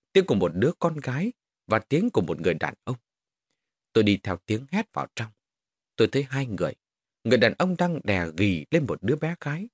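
Brief: male horror storyteller, husky and dry, lively rises and falls. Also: mid-range voice, no echo. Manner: dramatic, expressive storytelling.

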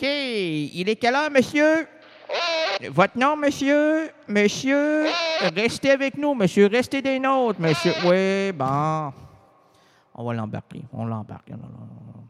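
A man's voice: sits high, full character voice. A man with a Quebec French accent voicing a bumbling, rambling small-town police officer in a comedic radio sketch, stumbling over words and mangling names.

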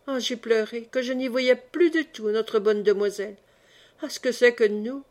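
A woman's voice: fairly high pitch, normal speed, a little mellow, lightly acted. A woman reading the part of a young peasant woman who speaks with naive, tearful emotion. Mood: tender.

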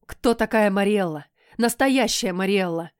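Brief: woman reader as a tearful young heroine, shaky and pleading, mid pitch, dry sound. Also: a little slow, clean tone, no room sound, close to an everyday voice. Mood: defiant.

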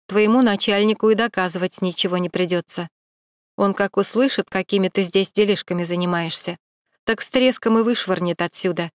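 A woman's voice: mid-range voice, clean tone, no echo, clean studio sound, close to an everyday voice. A woman voicing a stern middle-aged police captain who questions coldly and with irony. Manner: cold, pressing, ironic.

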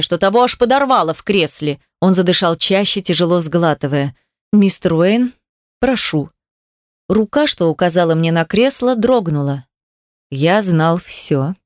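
A woman reading a novel aloud in first person, in a steady, measured way. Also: fairly low pitch, no echo, clean studio sound. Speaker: audiobook reader.

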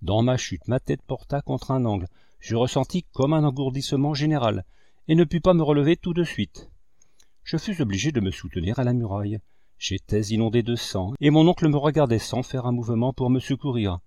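Male audiobook narrator, expressive and dramatic; mellow tone, close dry mic. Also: medium pitch, a little fast, dry recording. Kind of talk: audiobook reading.

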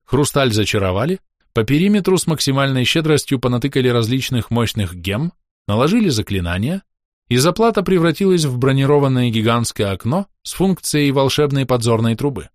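A man's voice: mid-range voice, expressive, a little fast, no room sound. A man narrating a first-person audiobook in a dry, weary, wry manner.

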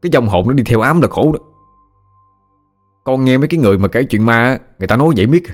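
A man's voice: mid-range voice, expressive, faint music behind, pitched above the performer's own voice, natural voice. A man voicing a cheeky, loose-tongued young male villager, in a read-aloud ghost story. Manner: blunt, gossipy, fast.

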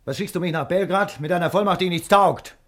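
A man's voice: sits high, fairly quick, a bit bright. An actor playing an aggrieved, accusing man in a classic radio play. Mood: angry. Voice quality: resentful, accusing. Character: angry aggrieved younger man Marco.

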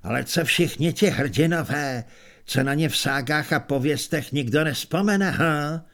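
A man's voice: a little high, creaky, a bit bright. A man reading as a grandiose old barbarian hero. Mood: grumbling.

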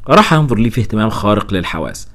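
A man narrating a novel aloud as an audiobook, in an animated storytelling manner. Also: lowish voice, racing.

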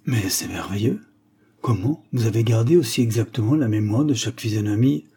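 A man's voice: lowish voice, expressive, fairly quick, mellow, breathy edge, exaggerated voice. A man voicing an anxious old steward. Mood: earnest. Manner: earnest, easily surprised. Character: old male estate steward, anxious, deferential. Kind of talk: audiobook character reading.

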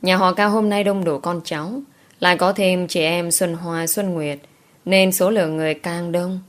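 A woman narrating a romance novel as an audiobook in an even storytelling manner. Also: on the low side, moderate pace.

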